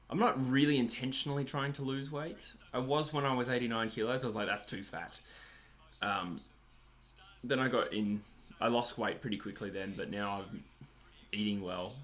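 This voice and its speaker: Chatty Australian man, bright voice. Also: fairly low pitch, normal speed. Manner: chatty, rambling, self-deprecating. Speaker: livestream host reading chat. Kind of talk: casual live chat over a cricket match.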